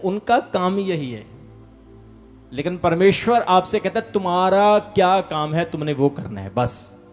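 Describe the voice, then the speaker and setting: Male pastor with a high voice, preaching live in church, calling for hallelujah and amen; faint music underneath. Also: lively intonation, a little slow. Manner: tells quoted exchanges and a village anecdote. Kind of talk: sermon.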